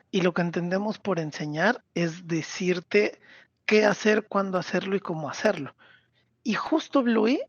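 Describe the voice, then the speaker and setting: A man with a Mexican Spanish accent talking casually on a podcast, retelling scenes with lively acted-out quotes. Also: sits high, breathy edge, no room sound, muffled recording. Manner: animated storyteller, acts out character quotes. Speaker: podcast co-host.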